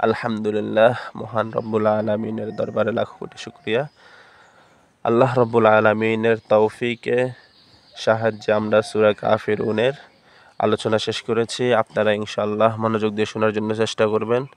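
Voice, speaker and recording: A man teaching Quran reading, spelling out letters and vowel marks one by one and then chanting the words slowly and drawn out. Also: lowish voice, completely flat delivery. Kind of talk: slow spelled-out Quran recitation lesson.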